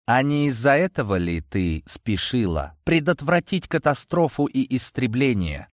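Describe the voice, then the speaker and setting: A man reading a story, voicing a hoarse young princess who sounds nervous and unsure. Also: medium pitch, very animated, measured pace, no room sound, clean studio sound, pitched above the performer's own voice. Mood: uneasy. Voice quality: husky.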